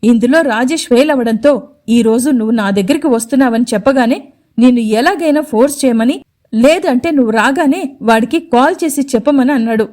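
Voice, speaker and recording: A woman voicing a sharp-tongued, tearful young woman, angry and sarcastic by turns. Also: on the high side, a little fast, natural voice. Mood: bitter. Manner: angry, sarcastic, then pleading.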